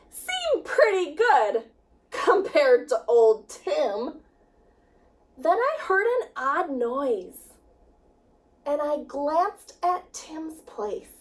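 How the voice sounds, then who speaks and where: A children's director reads a picture book aloud in a high voice, lingering over each phrase. Her expressive delivery swings widely, with dramatic pauses between lines. A distant microphone makes her sound set back.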